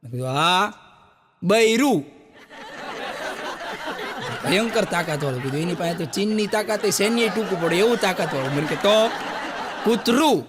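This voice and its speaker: A man tells jokes on stage. His voice sits high, and he acts out each character in his stories. The sound rings with the long reverb of a large hall. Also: normal speed, pauses often, background noise. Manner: animated storyteller, acts out quoted characters with jumps in pitch. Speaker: stand-up joke teller. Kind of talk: Gujarati folk joke telling to a live audience. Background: audience laughter.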